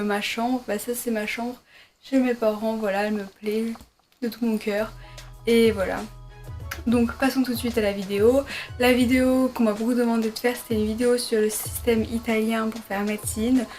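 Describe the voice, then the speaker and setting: Speaking in a flat, rather high voice, a young medical student vlogger hesitates through viewer questions, full of fillers and self-corrections. The casual sit-down Q&A is filmed in her bedroom at her parents' home.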